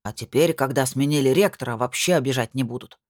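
Woman putting on a low curious little creature, Barmasur. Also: fast, no room sound, studio quality. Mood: proud. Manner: plain, curious, kindly questioning. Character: small crimson male cat-squirrel creature, friendly, curious.

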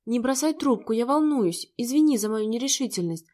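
A woman's voice: a little high, expressive, a little fast, dark tone, voice pushed up. A woman voicing an anxious young woman artist who pleads and frets. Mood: pleading.

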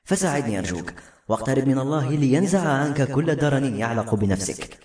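A man's voice: mid-range voice, big pitch swings, fast, darkish tone, close to an everyday voice. A man voicing a loving, wise father giving earnest advice to his son. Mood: tender. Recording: roomy echo.

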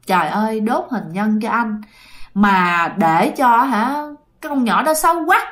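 A woman with a Southern Vietnamese accent voicing the ghost of a young man, soft and pleading. He comforts his grieving family in a fairly high, gentle voice, as in a spoken ghost story. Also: lively intonation, unhurried.

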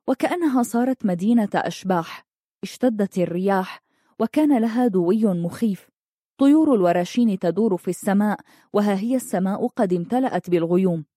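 A woman narrating a scripted story in a steady, measured reading. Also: medium pitch, no echo, clean studio sound.

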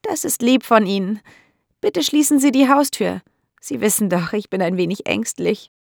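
A woman's voice: medium pitch, lively intonation, normal speed, gravelly, no echo, studio quality, voice pushed up. A woman voicing a lonely, fearful elderly landlady who complains plaintively. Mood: gentle. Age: older.

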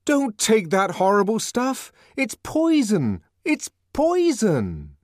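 An earnest young wild man, acted out by a male narrator, speaking in a raised, ringing pitch. He declaims like a pleading storybook orator, with big sweeps of melody and a dry, close sound. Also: wildly swooping pitch, slow pace, darkish tone, dry recording, heavily acted. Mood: urgent, pleading.

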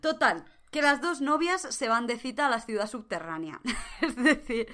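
A woman, co-hosting a casual chat recapping a series, excitable and quick to laugh. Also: on the high side. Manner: excitable, gushing, laughs often. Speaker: podcast co-host.

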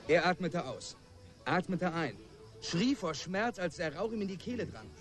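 High-voiced firefighter retelling a rescue. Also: male voice, lively intonation, moderate pace, soft background music. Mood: recounting. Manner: vivid storytelling. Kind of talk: radio drama acting.

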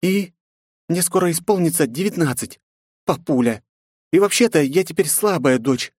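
A man's voice: a little high, expressive, normal speed, darkish tone, breathy edge, no echo, clean studio sound, voice pushed up. A man voicing a defiant, sarcastic eighteen-year-old princess in an audiobook, with cheeky, mocking retorts.

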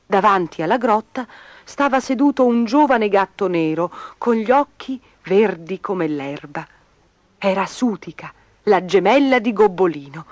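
A woman reading a fairy tale aloud as a storyteller, with a gentle, lively telling. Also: medium pitch, unhurried, no room sound. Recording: noisy background.

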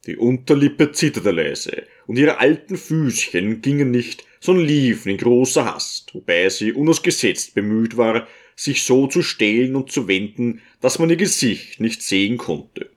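A man's voice: mid-range voice, lively intonation, a little slow, hardly any pauses. Man narrating a classic novel. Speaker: audiobook reader. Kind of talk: scripted narration.

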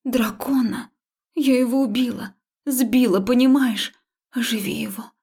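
A desperate young heroine, read by a woman narrating a fantasy audiobook, pleading urgently. Her voice is raised higher and louder than the narration and carries a gravelly creak. Every line presses with emotion. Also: fairly even intonation, moderate pace. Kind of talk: audiobook character voice.

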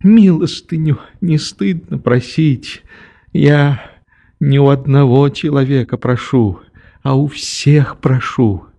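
A defiant, tearful little orphan girl , as a male reader puts her on, lashing out in shrill, high sobbing cries. Her voice jumps far above the reader's own, slow and dark in tone. It is a storybook reading of a classic novel. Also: creaky. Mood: spiteful.

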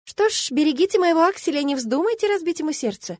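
A perky young noblewoman full of cheek and eager spirit, as the woman reading puts her on, her voice high and lifted well above a plain speaking tone. She chatters brightly in a dry, close studio sound, an audiobook girl with plenty of nerve. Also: animated, fast, dry recording. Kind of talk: audiobook character voice.

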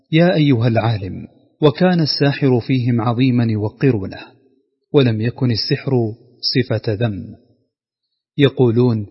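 Husky man reading commentary in reverb. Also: medium pitch. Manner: measured, formal reading. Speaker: Quran commentary reader. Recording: dull recording with long reverb.

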